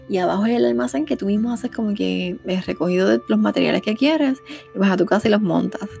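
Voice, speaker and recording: A woman's voice: mid-range voice, creaky, a little mellow. A middle-aged woman with a Puerto Rican accent, talking casually about parenting and peppering her speech with "¿verdad?". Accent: Puerto Rican Spanish. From Puerto Rico. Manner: conversational, frequent "¿verdad?" fillers. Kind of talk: casual monologue.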